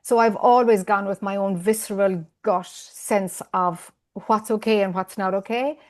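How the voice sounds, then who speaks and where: This fifty-something Irish woman has a steady, slightly mellow mid-range voice and speaks at a measured pace. A spiritual teacher interviewed over video call, she's candid, laughs a lot, and tends to ramble a little.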